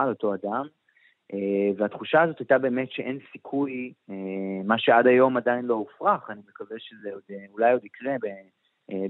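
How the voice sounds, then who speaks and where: A middle-aged man giving reflective interview answers as an author, pausing often and searching for words. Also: medium pitch, dry recording, phone-quality sound. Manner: hesitant, many pauses and fillers.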